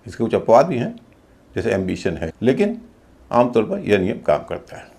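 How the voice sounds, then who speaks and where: A man explains English pronunciation rules in a mellow, gravelly voice. His pitch moves a lot as he lands hard on each example word. He sounds like a teacher working through a lesson. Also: very animated, normal speed. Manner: explanatory, stresses example words.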